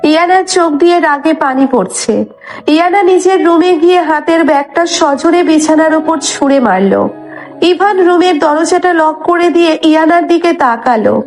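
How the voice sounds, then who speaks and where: A woman's voice: extremely high pitch, expressive, brisk. A woman giving dramatic, scripted narration of a romance story. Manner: dramatic, descriptive. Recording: soft background music.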